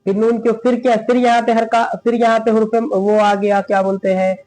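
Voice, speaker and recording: A man teaching a Quran reading lesson with a Hindi-Urdu accent. He patiently asks questions and answers them himself, and he recites the verses slowly and draws them out. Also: high voice, level tone, darkish tone, rough recording. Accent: Indian Hindi-Urdu. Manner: slow, drawn-out recitation of verses.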